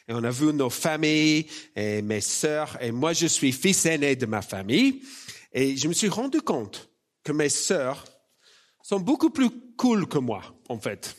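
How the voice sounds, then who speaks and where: Slow-paced preacher, man with an Australian accent. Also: mid-range voice. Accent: Australian accent in French. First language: English. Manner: informal, self-deprecating, halting with repeated words. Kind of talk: sermon, conversational and personal.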